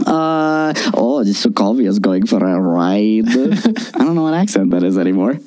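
A man's voice: lowish voice, big pitch swings, normal speed, a little mellow, no room sound. A young adult man co-hosting a casual chat, rambling with many fillers and restarts. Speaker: podcast co-host.

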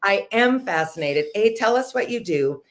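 A woman's voice: mid-range voice, expressive, moderate pace. A woman hosting a casual conversational interview in a chatty, self-deprecating way. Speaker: show host.

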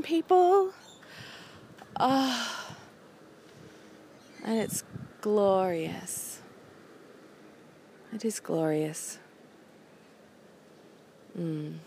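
A noisy handheld home recording of a woman hosting a casual audio diary. She is campy and theatrical, with a pitch that swoops around a lot. Her chatter is playful and candid, often interrupting itself. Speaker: podcast host. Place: recorded while walking about at home.

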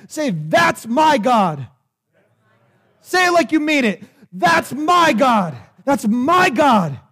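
Male pastor, very high voice, passionate sermon delivery with shouted calls to the room. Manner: passionate preaching, rising to shouts and calls for response.

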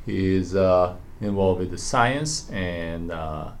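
A man co-hosting a podcast, asking questions in a halting way with pauses and fillers. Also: deep voice, lively intonation, a little hiss or hum. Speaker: podcast co-host. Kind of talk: casual podcast interviewing.

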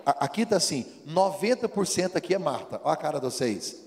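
A man preaches in a lively, storytelling sermon, acting out dialogue and peppering the room with rhetorical questions. His voice sits somewhat high for a man. Long reverb trails after his words, as in a large hall. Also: a little fast, creaky.

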